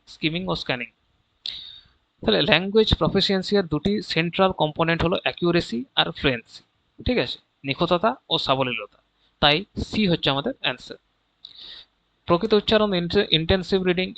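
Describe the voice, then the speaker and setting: A man with a Bengali accent walks through exam questions as a teacher, reading each one and then explaining the answer. His voice is bright and a little high, and he keeps checking in with "okay?" as he goes. The recording is dry and somewhat dull. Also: vocal fry, no echo. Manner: mixes English terms into Bengali.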